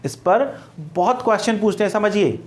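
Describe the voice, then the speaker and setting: A man teaching grammar in a classroom-style lecture, explaining slowly, repeating words and spelling them letter by letter. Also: high-pitched.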